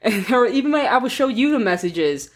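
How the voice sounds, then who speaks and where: A woman's voice: on the high side, very animated, fairly quick. A woman co-hosting a podcast, chatting casually and bluntly, swearing freely and laughing through her stories. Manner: blunt, profane, laughing storyteller. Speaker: podcast co-host. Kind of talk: casual chat.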